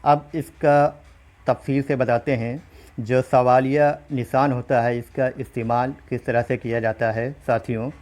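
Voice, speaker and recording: A man's voice: mid-range voice, flat delivery, unhurried, darkish tone. Man, teacher, online exam-prep lesson, explains step by step, checks in with listeners. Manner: explains step by step, often asks listeners "ठीक है साथियों". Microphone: recorded while writing on a screen.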